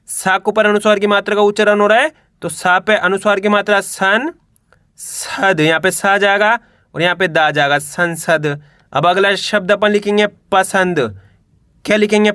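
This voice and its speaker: A man's voice: high voice, normal speed, sharp tone, dry recording, studio quality. A man teaching a reading lesson, sounding out words syllable by syllable and quizzing the viewer.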